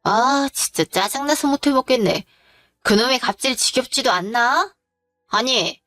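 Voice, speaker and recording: A woman's voice: on the high side, fairly bright tone. A woman voicing a rude, arrogant young sister-in-law who talks with sneering contempt.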